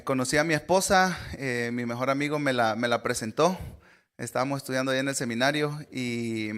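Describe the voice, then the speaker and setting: A man, preaching an earnest sermon as a guest speaker, often pausing on "eh" and checking in with "¿verdad?". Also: medium pitch, fairly bright tone. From Honduras. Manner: earnest, frequent "eh" fillers and "¿verdad?" tag questions.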